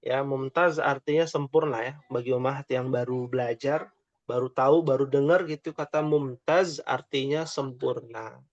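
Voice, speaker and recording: A man teaching an online language class, slowly and patiently modelling phrases for his students to repeat. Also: mid-range voice, fairly even intonation, dry recording. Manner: slow, patient, drawn-out modelling of Arabic phrases. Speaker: Arabic teacher. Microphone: online call microphone. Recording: dull lo-fi online audio.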